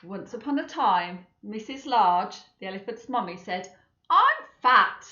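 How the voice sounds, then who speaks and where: A woman reads a children's story aloud to schoolchildren, expressively and with chatty asides to her young listeners. Her voice is mid-range and expressive, at a moderate pace. The room is echoey, and the sound is slightly dull.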